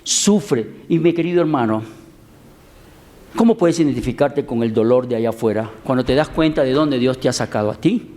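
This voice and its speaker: A man preaching a sermon as pastor, with dramatic swings in loudness and pitch, stretching words for emphasis and acting out voices in his stories. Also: expressive, normal speed. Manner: acts out voices in a story.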